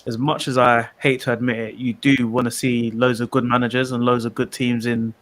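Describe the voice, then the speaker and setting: A man's voice: mid-range voice, flat delivery, brisk, fairly bright tone. Laid-back man chatting football. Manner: laid-back, slangy, talks in loose run-on sentences. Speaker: podcast co-host. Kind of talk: casual football chat.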